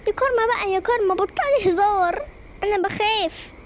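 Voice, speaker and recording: A woman voicing a whiny, timid young brother in an animated story, complaining and scared. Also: very high-pitched, fast, a little hiss or hum.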